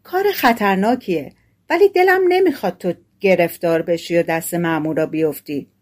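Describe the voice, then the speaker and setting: A woman's voice: on the low side, lively intonation. A woman voicing a sly scheming teenage boy. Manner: scheming, persuasive.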